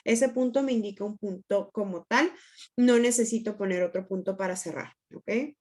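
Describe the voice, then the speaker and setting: A woman's voice: mid-range voice, moderate pace, darkish tone. A woman teaching an online grammar lesson, explaining patiently and checking in with students often.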